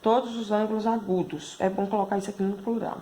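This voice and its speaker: A woman's voice: medium pitch, steady tone, quick pace, warm tone. A woman with a Brazilian Portuguese accent giving a video math lesson to schoolchildren, explaining patiently and checking in with constant tag questions. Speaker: primary school math teacher.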